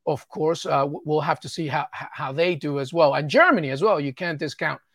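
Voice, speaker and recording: A man analyses soccer as an interview guest, talking fluently and eagerly but stumbling over repeated words. His voice sits a touch high for a man. The recording is dry and close, with no room sound. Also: a little fast, fairly bright tone, no echo. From England. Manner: fluent and enthusiastic, with frequent stammered repeats.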